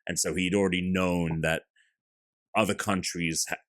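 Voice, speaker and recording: A man's voice: sits low, steady tone, moderate pace, no room sound, clean studio sound. A man chatting casually as a podcast guest, rambling with lots of fillers. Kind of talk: casual chat.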